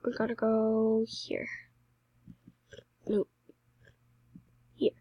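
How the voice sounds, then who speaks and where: A woman giving casual, excitable commentary while playing a game, chatty and dropping into mumbled asides. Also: on the high side, drawn-out words, breathy edge, dry recording, highs cut off. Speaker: gameplay commentator.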